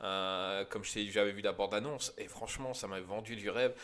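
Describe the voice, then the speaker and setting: This is a man, hosting a casual podcast chat. His voice is bright and forward. He argues his views eagerly and keeps restarting his sentences. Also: fairly low pitch. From Belgium. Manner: animated, opinionated, halting with fillers. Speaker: podcast host.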